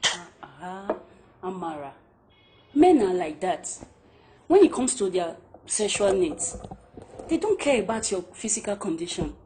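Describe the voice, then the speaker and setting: A woman's voice: medium pitch, sing-song, measured pace, long pauses, warm tone, slight background noise. A woman with a Nigerian accent playing an unmarried friend in a film drama. She speaks earnestly and gives advice. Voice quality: earnest, advising. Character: unmarried female friend, calm and preachy. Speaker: film actor.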